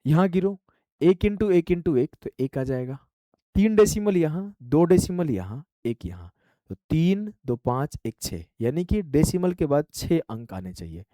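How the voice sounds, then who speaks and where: A man teaching a math lesson, briskly counting out digits and coaxing his students along. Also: a little high, sing-song, dark tone, dry recording, studio quality. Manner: brisk, drills numbers aloud, coaxing students. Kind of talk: classroom-style math lesson.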